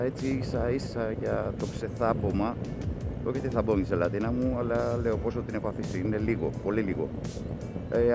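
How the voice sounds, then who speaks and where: A man with a Greek accent chatting in a loose, rambling way while riding his motorcycle at night, talking into a small recorder mic inside his helmet. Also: medium pitch. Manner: rambling, self-mocking, full of fillers. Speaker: motovlogger. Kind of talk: casual chat while riding. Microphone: external recorder mic inside a helmet.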